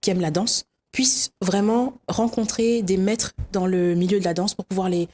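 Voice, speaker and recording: Lively storyteller. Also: female voice, mid-range voice, moderate pace. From Réunion. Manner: lively storyteller acting out dialogue. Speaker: guest. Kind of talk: storytelling in a talk-show interview.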